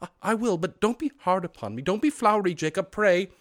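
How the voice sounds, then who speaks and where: Man playing a quivering old miser, stutters, hurried, high voice, storybook reading. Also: expressive, a bit bright. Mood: frightened. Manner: stammering, quick, high-pitched. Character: frightened old miser, stammering and timid.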